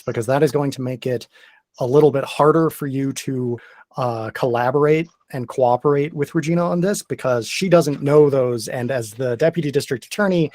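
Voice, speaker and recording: A man acting as game master, explaining the rules step by step in a halting way. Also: on the high side, darkish tone, no room sound. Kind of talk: narrating a tabletop game.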